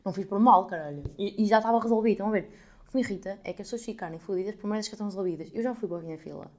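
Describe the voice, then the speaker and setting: Speaking at a medium pitch and racing along, this podcast host, a 21-year-old woman with a European Portuguese accent, spins a lively, casual story for listeners. She curses freely and performs the voices of whoever she's quoting.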